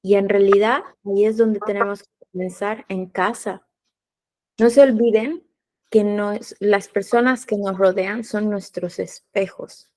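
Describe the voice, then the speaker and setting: A woman's voice: mid-range voice, steady tone, unhurried, a little mellow. A woman hosting a podcast interview, explaining her points in a teaching way and answering her own rhetorical questions. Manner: didactic, asks rhetorical questions and answers them. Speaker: podcast host.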